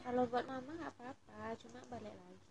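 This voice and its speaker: Quiet tearful young wife, high voice. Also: female voice, a little fast, slight background noise. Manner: quiet, short replies, tearful. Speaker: wife being pranked. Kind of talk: casual home conversation.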